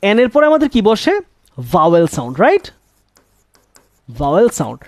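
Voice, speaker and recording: A man's voice: high voice, huge pitch swings, moderate pace, no echo. A young man teaches English grammar to his students, his voice rising and falling a lot as he quizzes them and then answers himself. The sound is dry and close, with no room around it. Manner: asks questions and answers them himself, repeats key words. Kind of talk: classroom-style grammar lesson.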